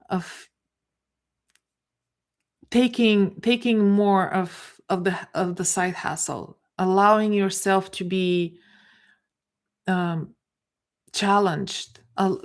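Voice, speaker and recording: A Bulgarian-accented woman of middle age speaks at a medium pitch in a live coaching talk. Her delivery is halting and improvised, with words restarted and repeated while she searches for them.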